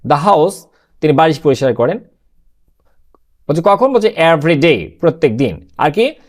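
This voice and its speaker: Teacher, lesson voice, rises and falls a lot, asks then answers own questions, slow word-by-word reading, repetitive and patient. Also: medium pitch, big pitch swings. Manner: reads English phrases slowly, word by word. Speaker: English teacher. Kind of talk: classroom-style translation lesson.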